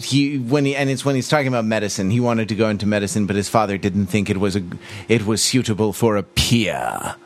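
Measured male podcast co-host. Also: lowish voice, fairly even intonation. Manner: measured, explanatory, with restarts. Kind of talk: casual chat.

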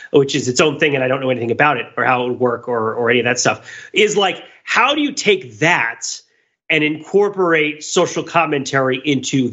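Through a muffled recording comes a mid-range, sharp-toned male voice. He's a podcast co-host and commentator, laying out his thoughts in a loose, rambling, enthusiastic analytical conversation.

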